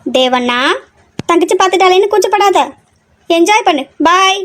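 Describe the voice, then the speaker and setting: A woman's voice: extremely high pitch, lively intonation, normal speed, fairly bright tone, voice pushed up. A woman voicing a playful young woman who teases her brother and his sweetheart. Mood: teasing. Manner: playful, mischievous teasing. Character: teasing young woman, the hero's sister. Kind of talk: amateur audio drama acting.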